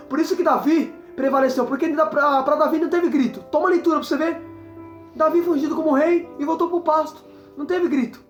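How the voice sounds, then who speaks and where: A woman's voice: sits high, roomy sound. A woman preaching a sermon, talking emphatically, repeating herself and breaking into exclamations. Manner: emphatic, repetitive, exclaims often. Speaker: evangelist preacher.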